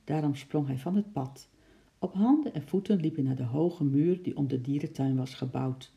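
A narrator reading a children's chapter book aloud in a calm, measured voice. The tone is very dark and mellow, with a gravelly edge. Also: mid-range voice.

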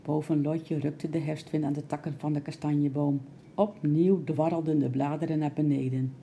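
A woman narrating a children's storybook aloud in a calm, lively way. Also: low-pitched, normal speed, a little hiss or hum.

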